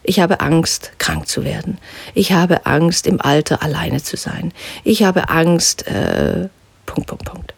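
Calm woman guiding a spiritual exercise. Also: low voice, slow, creaky, breathy edge, no room sound. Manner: calm, gently instructive, drops into soft whispers. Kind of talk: guided spiritual lesson.

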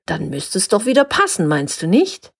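Woman doing a gentle clever little girl. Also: on the low side, wildly swooping pitch, moderate pace, gravelly, slightly rough, full character voice. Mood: gentle explaining. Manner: gentle, explaining patiently. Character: kind clever young girl in a shop.

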